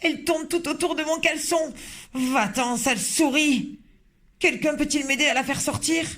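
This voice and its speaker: A man voicing a panicking male cook who yells in a frantic, shrill way. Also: quick pace. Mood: panicked. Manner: shrieking, frantic yelling.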